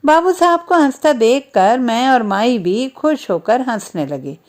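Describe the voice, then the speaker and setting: A woman narrates a short story in the first person, speaking earnestly as a young boy. Her voice is high and light, and she reads at an even storytelling pace. The telling sounds scripted and read from a page. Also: unhurried.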